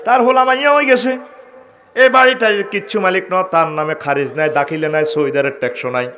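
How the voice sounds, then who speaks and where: A man's voice: high-pitched, fairly quick. A man with a Comilla Bengali accent preaching a humorous Islamic sermon, chanting verses in a sing-song voice and calling out to the crowd. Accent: Comilla Bengali dialect. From Bangladesh.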